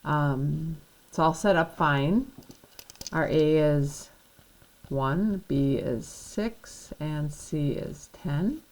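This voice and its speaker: A woman teacher works through a lesson step by step, her voice low and unhurried. She talks patiently and checks in with the class as she goes. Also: darkish tone, rough recording. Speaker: math teacher.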